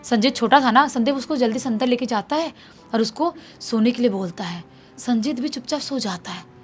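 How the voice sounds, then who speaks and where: A woman casually narrating a spooky story, acting out the characters' lines with a raised, louder voice. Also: fairly quick, slightly rough, faint music behind. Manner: acts out quoted characters with raised pitch and loudness. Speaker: horror storyteller. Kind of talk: casual spoken horror narration.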